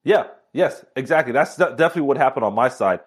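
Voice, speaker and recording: A man in his thirties from Miami, an author and speaker telling his story with energy as a podcast guest. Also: mid-range voice. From Miami, Florida. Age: 30s. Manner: energetic, animated storyteller, talks fast. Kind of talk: casual interview storytelling.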